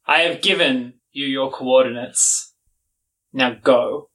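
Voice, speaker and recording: Grim reaper for tabletop game: male player as Death itself, solemn, imperious, slow delivery. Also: medium pitch, a bit bright, rough recording. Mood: solemn, commanding. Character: death, stern commanding grim reaper sending souls on errands. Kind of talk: tabletop role-play acting.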